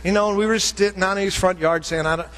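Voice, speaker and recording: A man's voice: high-pitched, fast talker. A man preaching, telling a personal story and acting out the dialogue. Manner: animated, acts out dialogue. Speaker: pastor. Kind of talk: sermon storytelling.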